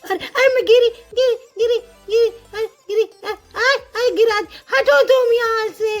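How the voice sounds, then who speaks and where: A woman's voice: very high-pitched, slow. A woman voicing a fretful schoolgirl in a storybook doll show, whiny and tearful, over faint music. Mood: annoyed. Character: fretful schoolgirl doing homework.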